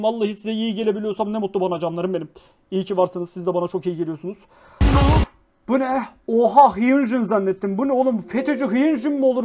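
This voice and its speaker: A young man streaming live, reacting to clips with loud exclamations, mock scolding and swearing. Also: extremely high pitch.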